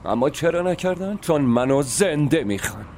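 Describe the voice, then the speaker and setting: An actor playing a shrewd, calm male enemy officer in a dubbed war drama. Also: fairly high pitch, slight background noise, lightly acted. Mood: calculating. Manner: calculating, calm reasoning.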